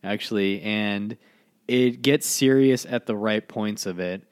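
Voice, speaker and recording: A man co-hosting a podcast, talking about films in an easygoing, halting way with many fillers. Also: fairly low pitch, clear, resonant tone. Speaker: podcast co-host. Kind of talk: casual chat.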